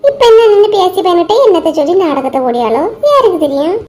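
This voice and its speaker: [name], a woman doing a shrill gossipy village wife. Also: very animated, fast talker, darkish tone. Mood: catty. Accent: Kanyakumari Tamil. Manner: whiny, self-pitying complaining. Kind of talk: cartoon voice acting.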